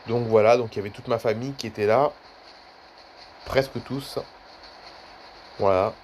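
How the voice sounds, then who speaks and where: A man's voice: medium pitch, steady tone, normal speed, darkish tone, slight background noise. A man in his twenties chatting casually in a vlog, rambling and repeating himself often. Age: 20s. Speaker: YouTuber.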